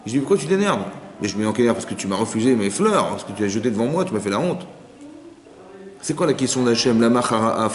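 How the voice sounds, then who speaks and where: A man, a rabbi, teaching a scripture class, translating verses line by line and asking the audience questions. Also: medium pitch. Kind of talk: lecture on scripture. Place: community centre hall. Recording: echoey hall with long reverb.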